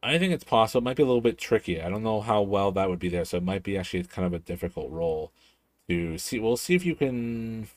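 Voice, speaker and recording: Man, game master, deep voice, dry close home mic, hesitant, thinking aloud. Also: expressive, quick pace, dry recording. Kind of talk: running a tabletop game over voice chat. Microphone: home mic on voice chat.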